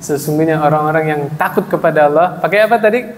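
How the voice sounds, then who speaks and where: A man preaching at a mosque study circle, often asking his listeners questions and answering them himself, and reciting Arabic verses slowly. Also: on the high side. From Indonesia. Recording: long echo in a large hall, faint ambient noise.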